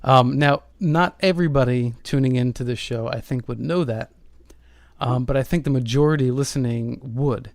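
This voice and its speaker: A man's voice: medium pitch, normal speed, creaky, no room sound. A man hosting a paranormal radio show in a conversational, somewhat hesitant way.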